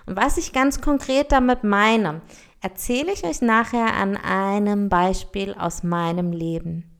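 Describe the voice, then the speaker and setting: Calm woman reading a story aloud. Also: medium pitch. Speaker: speaker reading a story to an audience.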